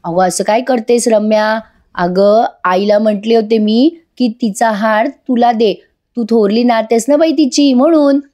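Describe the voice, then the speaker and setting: A woman's voice: fairly high pitch, fairly even intonation, a little slow, mellow, lightly acted. A woman reading a scheming middle-aged aunt's lines aloud in a TV serial review, in a coaxing, needling way.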